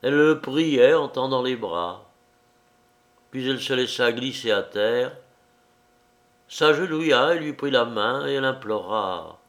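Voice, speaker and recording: A man reading a novel aloud as narrator in a measured, deliberate way. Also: mid-range voice, animated, a bit bright.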